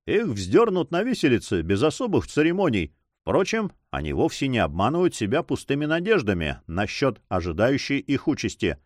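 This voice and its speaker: A man's voice: mid-range voice, huge pitch swings, moderate pace, dry recording, clean studio sound. A man doing a smug boastful sea captain. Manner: self-satisfied, swaggering. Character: boastful Spanish coast guard captain, man.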